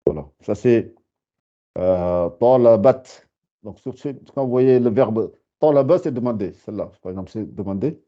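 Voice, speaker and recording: Slow patient guy teaching a lesson, lowish voice, muffled lo-fi recording. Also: lively intonation, dark tone. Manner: patient, repeats and spells out words slowly. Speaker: Arabic teacher. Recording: dull lo-fi sound.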